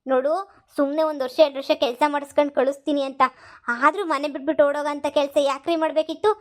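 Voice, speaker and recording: A woman voicing a bossy rich homeowner wife in a cartoon comedy, scolding and shouting for the maid. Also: sits high, little pitch movement, fast, natural voice. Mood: agitated.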